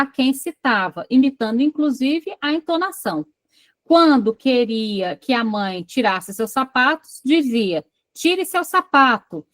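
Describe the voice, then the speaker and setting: Speaking with a Brazilian Portuguese accent, a woman leads an online study group on psychoanalysis, her voice a little high with no room sound. After reading part of a case, she pauses to question the class.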